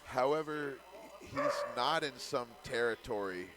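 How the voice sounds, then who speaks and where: A man giving live, excitable commentary at a pinball tournament, cheering the players on. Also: medium pitch, a little slow, heavy background noise.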